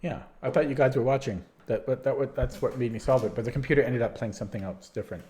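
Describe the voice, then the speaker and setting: Late at night, a fatigued man streams chess puzzles and chats casually, talking fast in a mellow, medium-pitched voice. He rambles with many fillers and restarts while his voice fades away.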